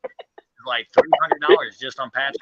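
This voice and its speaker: A man's voice: medium pitch, fairly even intonation, normal speed. A man talks into a phone held in his hand, and his voice arrives muffled and dull, as if it were coming from underwater. A strong hiss runs under every word. He rambles loosely and swears freely, in a casual chat. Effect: muffled, underwater-sounding phone audio. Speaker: guest calling in. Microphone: phone held in hand, no wifi. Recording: muffled noisy phone line.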